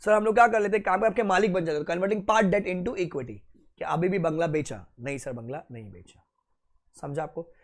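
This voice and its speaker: A man lectures a class in a playful, quizzing way. He keeps asking questions and answers them himself, switching between Hindi and English. His voice sits high for a man. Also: fairly quick. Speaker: teacher.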